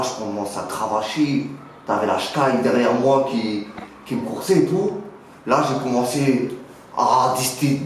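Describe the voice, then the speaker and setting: A man's voice: mid-range voice, natural voice. A man playing a boastful young neighborhood dealer in a mock interview, rambling in French street slang full of filler words. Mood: boastful, casual. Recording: very echoey room, faint noise.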